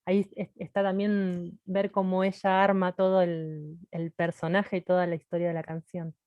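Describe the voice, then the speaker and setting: A woman's voice: fairly low pitch, flat delivery, normal speed, clean tone, no echo, phone-quality sound. A woman co-presenting an online teaching talk over a video call, passing on comments from the audience in a conversational way. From Argentina.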